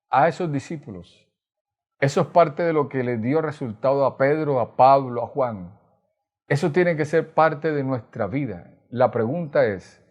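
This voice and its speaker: A man's voice: medium pitch, darkish tone, highs cut off. A man from Colombia with a Colombian Caribbean accent, preaching a sermon as pastor, earnestly retelling scripture with tag questions. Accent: Colombian Caribbean Spanish.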